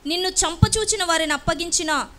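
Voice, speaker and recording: A woman reads a scripture passage aloud during a church service. Her voice is very high and bright, and her reading is slow, formal and measured.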